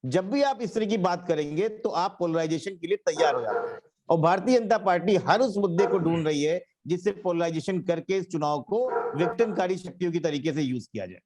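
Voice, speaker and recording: A party spokesman arguing on a TV panel, emphatic, slowing down to read quotes word by word. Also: high-pitched, a crowd in the background.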